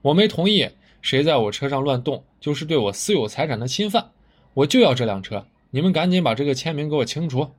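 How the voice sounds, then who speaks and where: A man voicing a stubborn, blunt old village farmer who speaks in a gruff, indignant and scornful way. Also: a little high, animated, a little fast.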